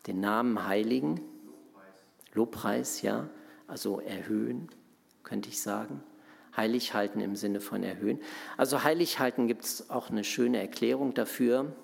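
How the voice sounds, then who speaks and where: A man's voice: medium pitch, measured pace, creaky. A man preaching in an interactive, conversational way, asking his listeners questions as he explains a Bible passage. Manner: asks the audience questions, conversational. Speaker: pastor. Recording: long hall reverb.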